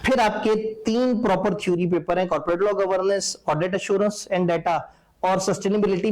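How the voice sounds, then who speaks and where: A man's voice: high-pitched, darkish tone. A man lecturing accountancy students in a conversational, wry and opinionated way. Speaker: teacher.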